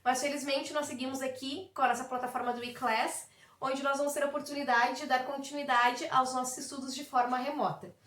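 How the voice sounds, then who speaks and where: A woman's voice: sits high, little pitch movement, fairly bright tone. Woman, Brazilian Portuguese accent, English teacher, patient step-by-step explaining, roomy echo. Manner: explains slowly, mixing English words into Portuguese. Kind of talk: remote classroom lesson.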